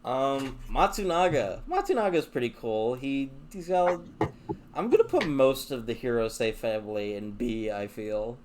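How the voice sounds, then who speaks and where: A man's voice: mid-range voice, sing-song, a little slow, noisy background. A man chatting casually as host, rambling with filler words and laughs, swearing lightly. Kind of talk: casual chat.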